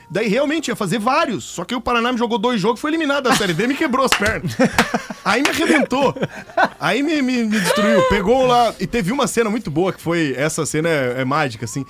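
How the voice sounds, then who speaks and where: A man in his thirties, a radio guest, telling funny stories in casual chat and laughing often. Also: high voice. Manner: lively storyteller, laughs often.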